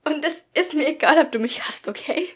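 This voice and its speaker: A woman's voice: high voice, lively intonation, brisk, pitched above the performer's own voice. A woman voicing a hurt, bullied teenage boy who pleads with a raised, strained voice in an amateur audiobook. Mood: pleading.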